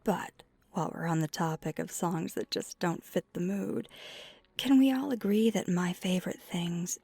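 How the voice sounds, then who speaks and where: A woman with a lowish voice and a moderate pace plays a flirty, friendly vampire teaching ice skating, speaking one side of an ASMR roleplay with no echo. Chatty and curious, she stays soft-spoken and gently reassuring, often breathy and near-whispered, with music behind the voice.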